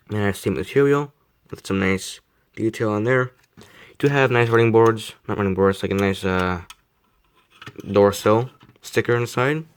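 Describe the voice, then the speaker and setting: Low-voiced young man rambling through a review. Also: clean tone. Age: young adult. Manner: rambling, self-deprecating, repeats himself. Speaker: die-cast model reviewer. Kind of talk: casual product review.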